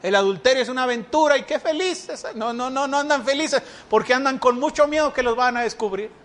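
Guy preaching w a really high voice, keeps asking the crowd questions, does little voices for people. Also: fairly quick, a bit bright. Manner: rhetorical questions to the congregation; acts out quoted speakers. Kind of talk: sermon.

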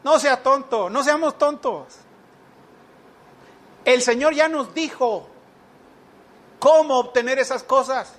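High-voiced preacher man. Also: slow, pauses often, fairly bright tone. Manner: rhetorical questions, mimics whiny believers. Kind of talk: sermon.

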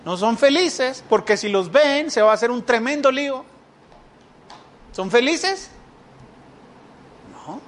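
A man's voice: very high voice, lively intonation, takes it slowly, long pauses, fairly bright tone. A man preaching a sermon, firing rhetorical questions at the congregation and acting out the people he quotes. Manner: acts out quoted speakers.

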